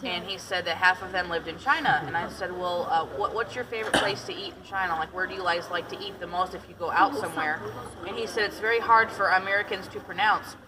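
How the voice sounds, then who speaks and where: On a boat gliding over an underground lake in a cave, a woman guides the tour with jokes, giggles and stories. She grew up in Detroit, Michigan, and partly in Tennessee, and her fairly low voice moves at a quick pace. The sound comes from a passenger's camera some distance off, with a chattering crowd around.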